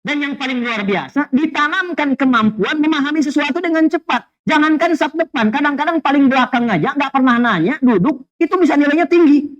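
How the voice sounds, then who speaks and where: Animated male preacher, dull lo-fi sound. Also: very high-pitched, fairly quick, few pauses. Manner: animated storytelling with jokes and rhetorical questions; quotes Arabic phrases. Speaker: Islamic preacher. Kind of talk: lively sermon to a live congregation.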